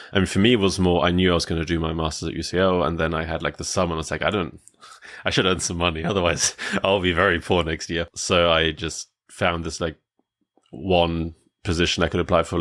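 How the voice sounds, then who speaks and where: Interviewing a guest for his podcast, a man tells his own story and poses questions in a casual way, stumbling through many fillers and hesitations. He has a deep, somewhat bright voice.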